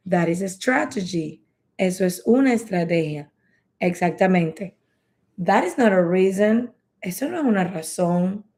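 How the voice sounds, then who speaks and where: A woman teaching English in a lesson, slowly repeating phrases for learners to practice. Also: medium pitch, vocal fry, darkish tone. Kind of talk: bilingual language lesson.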